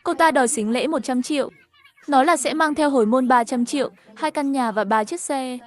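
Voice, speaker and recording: In a voice that sits high and moves briskly, a woman narrates a first-person animated story. Every character is voiced by her, in an even, storytelling manner.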